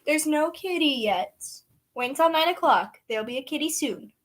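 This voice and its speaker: A woman's voice: high voice, animated, moderate pace. A woman vlogging casually from a bedroom, rambling and chatty, slipping into baby talk with a toddler. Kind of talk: casual chat.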